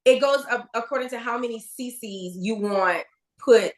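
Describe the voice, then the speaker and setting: A registered nurse in her forties co-hosts a podcast, talking candidly and casually with lots of fillers and restarts. Her voice is fairly high and at normal speed, captured in a low-quality recording.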